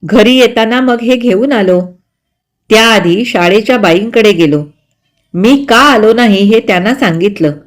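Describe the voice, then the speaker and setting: A calm schoolboy explains himself in an earnest, apologetic way, as a woman storyteller voices him. He speaks slowly and firmly, a little louder than her narration. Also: medium pitch, natural voice.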